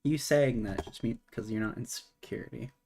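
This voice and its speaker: A man's voice: medium pitch, normal speed, creaky, a little mellow, husky. A man streaming live while programming, thinking aloud in a casual, muttering way and swearing now and then.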